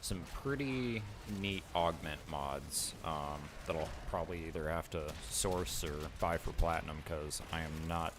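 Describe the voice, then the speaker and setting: Brief: laid-back male game streamer, deep voice, casual commentary, noisy mic. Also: unhurried, few pauses.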